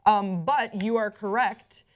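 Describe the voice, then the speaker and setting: A woman's voice: medium pitch, takes it slowly. A woman co-hosting a pop culture show, a stand-up comic who talks in an upbeat, chatty way and steers the talk with questions. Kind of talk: casual panel chat.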